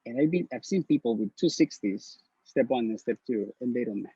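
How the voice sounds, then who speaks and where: A warm, husky, medium-pitched voice with lively intonation and a brisk pace belongs to a newly matched neurology resident from Honduras. He gives advice earnestly and bluntly over a video call, often repeating words, in a casual interview. The slightly dull lo-fi audio has no room sound.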